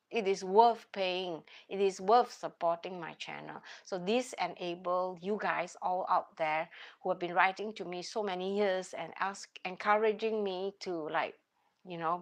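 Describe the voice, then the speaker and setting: A woman's voice: lowish voice, creaky. A woman with a Singaporean accent, chatting casually to viewers as a channel host in a hesitant, meandering way full of verbal asides. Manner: hesitant, meandering, with "you know" and "like" as constant asides.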